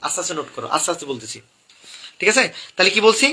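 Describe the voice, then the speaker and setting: A young man runs a live exam review class, rattling through topic after topic. His voice sits high and bright. He hammers each point home by repeating it to his students. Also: very animated, husky. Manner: rapid, repetitive drilling of topics to students. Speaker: admission exam coach.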